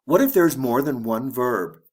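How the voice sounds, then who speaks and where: A man teaching English to beginners, speaking slowly and clearly and modeling the intonation of example sentences. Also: mid-range voice, expressive. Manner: deliberate, modeling intonation for learners. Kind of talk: slow, clear lesson narration.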